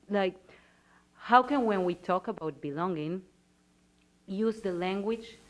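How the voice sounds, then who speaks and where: A woman from Venezuela in the audience, earnestly building up a long question to the panel step by step. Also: fairly low pitch. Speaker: audience member asking a question.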